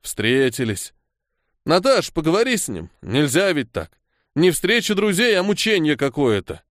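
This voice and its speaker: A male narrator playing a keen, talkative host with a lively voice. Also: fairly high pitch, measured pace, dry recording, clean studio sound. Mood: upset. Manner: eager, chatty. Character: friendly male host at a dacha gathering, eager.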